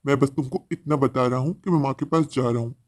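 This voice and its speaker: A man's voice: medium pitch, quick pace, a little mellow, close to an everyday voice. A man voicing a remorseful grown son who speaks in an earnest, pleading way. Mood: resolute.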